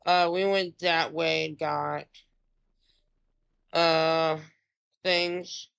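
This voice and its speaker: A woman's voice: sits low, steady tone, drawn-out words, vocal fry, fairly bright tone, clean tone. A woman chatting casually and hesitantly over her gameplay at home. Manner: easygoing, hesitant with fillers. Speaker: gaming streamer. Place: home room.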